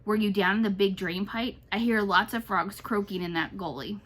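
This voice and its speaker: A woman voicing a drowsy, gruff young possum boy. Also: mid-range voice, normal speed, fairly bright tone, natural voice. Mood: lazy. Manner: drowsy and gruff, turning growly. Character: lazy grumpy young male possum.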